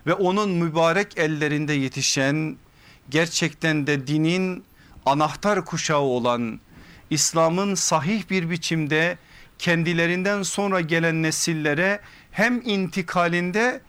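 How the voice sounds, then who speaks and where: A man preaching from a pulpit microphone, giving an earnest, measured religious lesson that builds to emphatic repeated phrases. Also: on the high side, fairly bright tone. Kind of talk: sermon-style lecture. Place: pulpit in a mosque or lecture hall.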